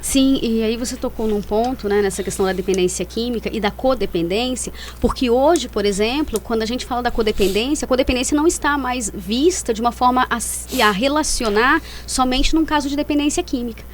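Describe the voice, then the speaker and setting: A woman's voice: a little high, fairly quick, hardly any pauses, a little hiss or hum. A woman speaking as a psychologist guest in an interview, explaining things and rephrasing as she goes.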